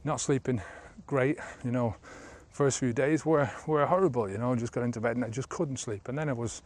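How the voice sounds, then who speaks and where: Filmed handheld at arm's length, this vlog follows a sobriety coach of about fifty chatting loosely on an outdoor trail and filling his rambling talk with fillers. He speaks at medium pitch, a bit quickly, with a slightly mellow sound.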